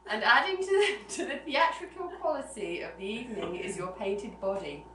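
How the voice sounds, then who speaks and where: Her voice sits a little high and sounds a bit bright as she performs a story for a small gathering in a room. The distant mic picks up plenty of noise and room echo.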